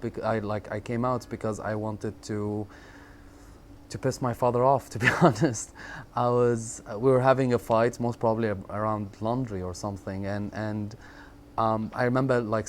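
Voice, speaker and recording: A man in his thirties from Syria, telling his life story in an interview, reflective and halting, often repeating words and pausing on fillers. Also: mid-range voice. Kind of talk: personal storytelling in conversation. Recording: faint background noise.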